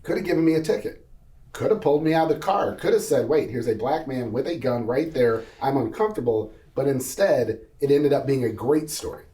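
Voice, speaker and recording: A man's voice: mid-range voice, expressive, a little fast, warm tone, recorded from a distance. A man on a business panel telling a personal story in an earnest, vivid way, acting out each voice of the conversation. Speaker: panel guest. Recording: roomy sound from off mic.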